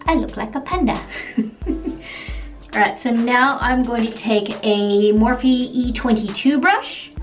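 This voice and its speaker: A woman's voice: fairly high pitch, slow pace. A woman from Australia, a beauty vlogger, talking chattily and laughing at herself while doing a makeup tutorial. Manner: chatty, self-deprecating, laughing often. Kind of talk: casual makeup tutorial and reaction. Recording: background music under the voice. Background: music.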